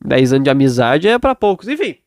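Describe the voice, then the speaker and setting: A man's voice: mid-range voice, big pitch swings, fairly quick, dry recording, clean studio sound. A Brazilian man hosting a solo podcast in a casual, rambling monologue, blunt and self-doubting, sweary, with a sore throat and stuffy nose. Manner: acts out imagined dialogue mid-monologue.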